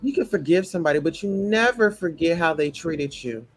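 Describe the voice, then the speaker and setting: A man's voice: a little high, expressive, a little fast. A man ranting in a blunt, profane, preachy commentary reacting to a show.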